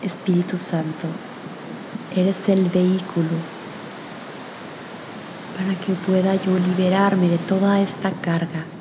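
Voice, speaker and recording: Speaking very slowly, a woman with a slightly low voice leads a guided meditation that includes spoken prayer. She sounds gentle and soothing and leaves long pauses between phrases, while a clear, steady hiss runs underneath.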